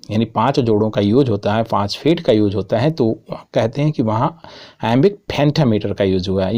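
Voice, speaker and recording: A mellow-voiced man teaches an exam-prep lesson. He reads out English lines slowly and deliberately, then explains them at a steady pace. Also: medium pitch. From India.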